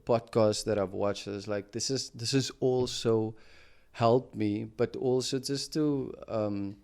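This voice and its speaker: A man's voice: lowish voice, steady tone, slow, creaky, a little mellow. A man hosting a podcast, telling a personal story in a reflective, casual way, with many fillers and restarts. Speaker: podcast host.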